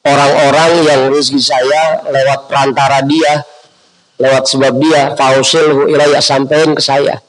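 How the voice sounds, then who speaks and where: Slow-talking preacher man. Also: medium pitch, flat delivery, a crowd in the background, low-quality recording. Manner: casual joking with the congregation, spells out Arabic letters slowly. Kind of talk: informal religious study sermon. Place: prayer gathering room.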